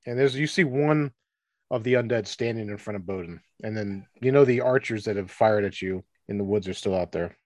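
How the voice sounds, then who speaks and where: A man acting as game master of a tabletop game, counting damage and describing scenes in slow, dramatic narration. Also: lowish voice, darkish tone, dry recording.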